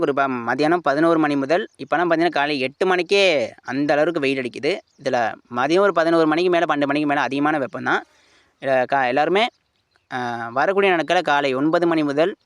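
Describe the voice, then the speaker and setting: Fairly high dry-voiced forecaster man. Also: a bit bright, no echo. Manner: colloquial Tamil, repeats "you see" tag often. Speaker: weather forecaster. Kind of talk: unscripted weather forecast talk.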